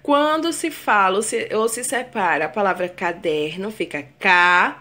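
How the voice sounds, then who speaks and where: A woman's voice: medium pitch, fairly bright tone. A woman teacher giving a recorded lesson to young pupils, addressing them affectionately and drawing out each word syllable by syllable. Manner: slow, drawn-out spelling of words syllable by syllable.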